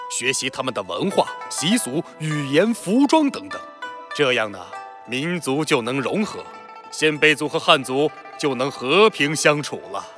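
A man's voice: medium pitch, natural voice. A man playing an earnest, decisive reforming emperor, theatrical and proclaiming, in a children's audio drama.

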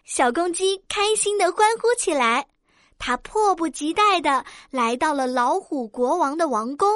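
A woman narrating a children's story gently and clearly, speaking to young listeners. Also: high-pitched, expressive, unhurried, no echo, studio quality.

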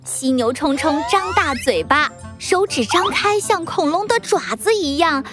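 A woman's voice: sits high, animated, measured pace, fairly bright tone. A woman narrating a children's story as the storyteller. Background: music.

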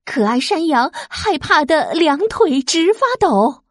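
A woman reading a children's storybook aloud, expressive and lively. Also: high voice, no echo, clean studio sound. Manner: slow, lively, expressive, sound effects.

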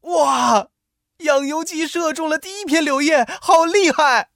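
A woman voicing a thrilled soldier in a children's story, cheering in a shrill, excited voice. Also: measured pace, dry recording, studio quality.

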